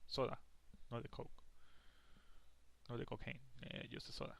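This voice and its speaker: A tired young man rambles through casual let's play commentary, yawning, restarting often and letting slip the occasional curse word. His creaky voice is medium-pitched and level-toned, at a moderate pace.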